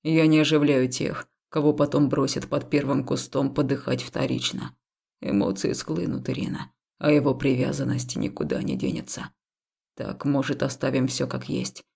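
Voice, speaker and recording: Woman putting on a low quiet necromancer guy, gravelly, cool and unbothered, audiobook. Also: exaggerated voice. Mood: aloof, calm. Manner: cool, unhurried, indifferent. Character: calm aloof male necromancer, young man. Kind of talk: audiobook character voice.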